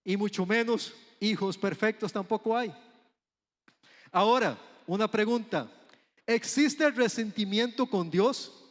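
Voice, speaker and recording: A man's voice: high voice, measured pace. A man with a Costa Rican accent preaching a sermon in a church, talking conversationally and often asking the congregation questions. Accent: Costa Rican Spanish. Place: church sanctuary. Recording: long hall reverb.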